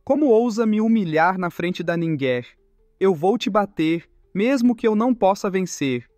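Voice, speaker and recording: A man's voice: high voice, animated, moderate pace, a little mellow, no echo, studio quality, faint music behind. A man voicing a brash but tender blue-haired young man in a comic recap, speaking impulsively. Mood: defiant.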